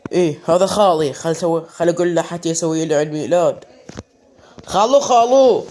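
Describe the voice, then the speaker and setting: A man's voice: fairly high pitch, brisk, darkish tone, slight background noise. A man with an Iraqi Arabic accent acting out an improvised comic skit in several roles, hesitating and repeating his words. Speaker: comedy skit performer narrating game play. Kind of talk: improvised comic role-play skit, voicing several characters.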